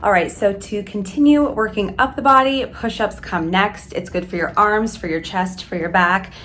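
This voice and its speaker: A woman with a fairly bright, medium-pitched voice talks at normal speed as she works through her exercise routine in a hotel room. She's a flight attendant chatting candidly for a casual workout vlog, sometimes winded, with faint music in the background.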